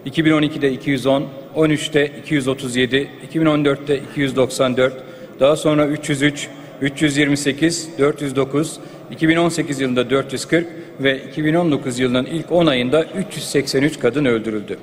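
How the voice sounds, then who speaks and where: A man's voice: mid-range voice, fairly even intonation, brisk. A man, a member of parliament, giving a formal and earnest speech at a rostrum microphone in a large chamber. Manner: earnest, grave, listing figures and names. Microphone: speaking at a rostrum microphone. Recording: long reverb of a large hall.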